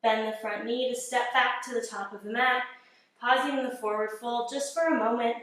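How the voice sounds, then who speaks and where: A woman yoga instructor calmly guiding a workout, giving encouraging breath cues and sounding slightly out of breath. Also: on the high side, moderate pace. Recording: very echoey room, mic at a distance.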